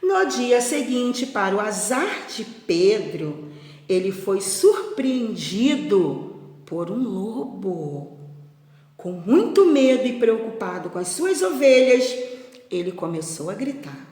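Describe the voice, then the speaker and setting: Expressive teacher telling a story. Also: female voice, medium pitch, slow pace. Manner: expressive, gentle, asks the children questions. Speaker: primary school teacher. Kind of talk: storytelling for children. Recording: echoey room with long reverb.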